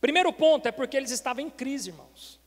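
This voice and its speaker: A man's voice: very high-pitched, fast talker, long reverb tail. A man preaching a sermon as pastor, asking rhetorical questions and calling the congregation brothers. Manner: preaching with rhetorical questions, repeatedly addressing "irmãos". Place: church hall.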